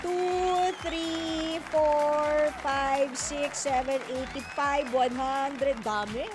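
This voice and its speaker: High-pitched playful Filipina radio host. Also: female voice, fairly even intonation, drawn-out words, over music, a crowd in the background. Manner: playful, teasing, laughs often. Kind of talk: casual radio advice segment.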